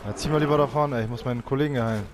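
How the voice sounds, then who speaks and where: Aufgebrachter junger Mann kommentiert ein Spiel. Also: male voice, rapid-fire, noisy background. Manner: frustrated, exclaiming, shouts high-pitched for help in panic. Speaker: let's play gamer. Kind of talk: let's play commentary.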